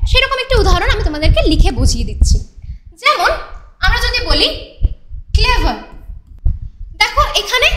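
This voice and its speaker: A woman's voice: very high-pitched, very animated. A woman teaching an English grammar lesson to students, explaining rules patiently step by step and asking the class questions. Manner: reads English example sentences slowly. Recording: echoey room with faint noise.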